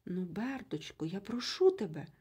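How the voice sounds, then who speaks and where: A woman reading the part of a timid middle-aged father who stammers and pleads, in a husky voice with a lively rise and fall. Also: mid-range voice, normal speed. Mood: pleading.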